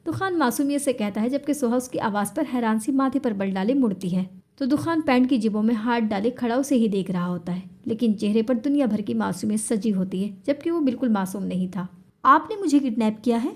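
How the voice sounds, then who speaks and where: A woman narrating a romance novel in a steady storytelling manner. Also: on the high side. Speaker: audiobook narrator.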